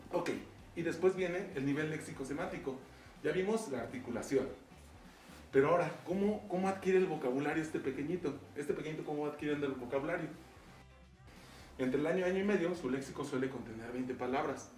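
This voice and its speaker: A man's voice: fairly high pitch, brisk, darkish tone, soft background music. A man giving a university lecture, often asking his students whether they follow him. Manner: checks understanding with frequent rhetorical questions. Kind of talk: classroom lecture. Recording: roomy, distant mic, faint background noise.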